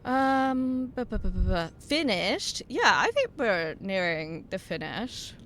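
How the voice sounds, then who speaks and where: Giggly, animated young woman streamer. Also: medium pitch, slow, a little hiss or hum. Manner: giggly, chatty, swears casually, reads out viewer messages. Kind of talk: casual live-stream chat while gaming.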